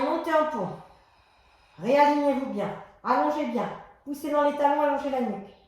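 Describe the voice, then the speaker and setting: A woman with a high voice leads a floor exercise class, calling out calm, step-by-step cues timed to the breath. Her voice rings around a very echoey exercise room. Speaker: fitness instructor.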